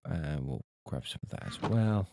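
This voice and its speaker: A man casually talking to himself while playing a video game, relaxed and unhurried. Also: extremely low pitch, slight background noise. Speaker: gameplay video host. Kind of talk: casual gameplay commentary.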